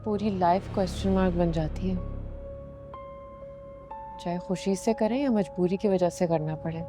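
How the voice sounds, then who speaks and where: An actress playing an outspoken young wife in a drama, with a Pakistani accent, speaking in a questioning, indignant way. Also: female voice, fairly low pitch, normal speed, over music, lightly acted.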